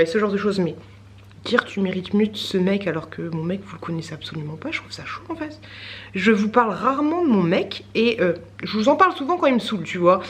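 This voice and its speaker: A woman vlogger in her thirties, chatting casually to camera in a rambling way with lots of fillers and little laughs. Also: mid-range voice.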